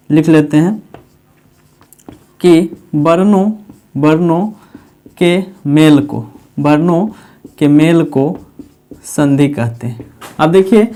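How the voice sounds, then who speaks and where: A man teaching a Hindi grammar lesson, asking his students questions and then answering them himself, repeating the key words slowly. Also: sits high, dark tone.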